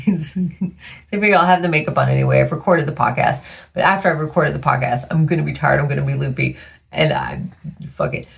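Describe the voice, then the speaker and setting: A woman's voice: deep voice, creaky. A woman hosting her own podcast in a casual monologue, chatty and tired, laughing often and losing her voice. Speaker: podcast host.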